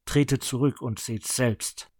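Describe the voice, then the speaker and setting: A man's voice: mid-range voice, fairly even intonation, a little slow, a little mellow, no echo, studio quality, natural voice. A man voicing a proud young sorceress in an audiobook, speaking with haughty self-assurance.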